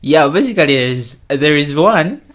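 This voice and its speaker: A young Kenyan man, appearing as an interview guest, answers questions casually and haltingly, often repeating words as he gets started. His voice is a little high, expressive, and fairly bright.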